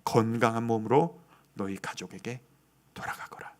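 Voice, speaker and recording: A male pastor voicing a tender, commanding savior figure who speaks gently yet proclaims. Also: medium pitch, moderate pace, pitched below the performer's own voice, natural voice.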